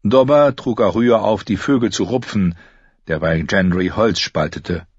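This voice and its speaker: A man reading an audiobook as narrator, in a lively, expressive way, in a dry, slightly dull lo-fi recording. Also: on the low side, a little slow, breathy edge, no echo. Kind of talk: scripted narration.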